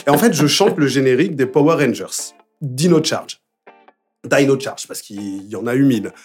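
A man's voice: mid-range voice, big pitch swings, quick pace, darkish tone, breathy edge, soft background music. A man in his forties from Paris, a theme-song singer chatting as a guest and telling stories with frequent laughter. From France, Paris. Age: 40s. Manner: chatty storyteller who laughs often. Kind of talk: casual chat.

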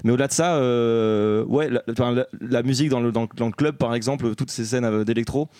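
A man's voice: medium pitch, fairly quick, warm tone, no room sound, studio quality. A young man co-hosting a casual film chat in front of a live audience, rambling with many fillers and self-mocking jokes. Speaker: podcast co-host.

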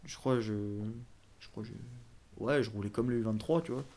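A man's voice: medium pitch, normal speed, dark tone. Give me a young man around nineteen telling his story in a casual interview, rambling with lots of fillers and restarts. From France. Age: 19, young adult. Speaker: guest, junior BMX racer.

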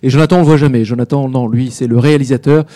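A man's voice: medium pitch, fairly even intonation, rapid-fire, dark tone. Effusive male talk show host. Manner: effusive, flowery compliments. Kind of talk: live web talk show introduction. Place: studio with live audience.

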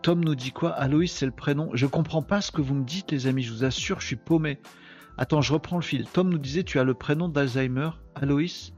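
A man's voice: a little high, brisk, a little mellow. Man, live-stream host, casual chat, self-mocking, faint music behind. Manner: chatty, self-mocking, reads chat comments aloud. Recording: slightly dull sound with faint music behind.

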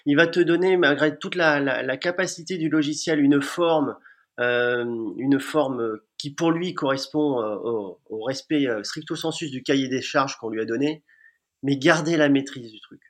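A man's voice: mid-range voice, moderate pace. A man, a dentist, talking conversationally about his practice with frequent hesitations. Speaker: dentist guest. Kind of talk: podcast conversation.

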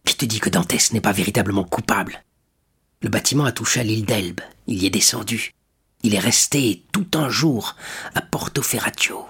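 A man reading the part of a scheming, jealous ship's accountant who talks in a smooth, persuasive way. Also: fairly low pitch, normal speed, fairly bright tone, heavily acted.

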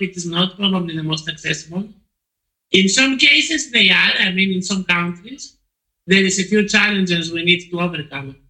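High, bright-voiced man from Poland. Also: rough recording. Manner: hesitant, frequent restarts and fillers. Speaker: podcast guest. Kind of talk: conversational interview answers.

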